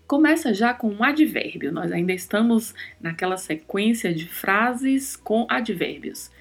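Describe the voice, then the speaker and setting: A woman's voice: medium pitch, lively intonation, a little slow, vocal fry, slightly rough. A woman hosting a podcast, teaching Spanish in a careful, scripted lesson and spelling out words and sounds. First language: Portuguese.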